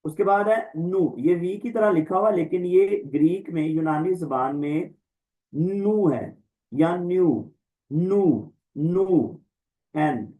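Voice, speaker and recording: Slow-drilling man teaching a class. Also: fairly high pitch, phone-quality sound. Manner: slow, repetitive recitation, drawing out letter names. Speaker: Greek teacher. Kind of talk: online class lesson, drilling the alphabet. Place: online class.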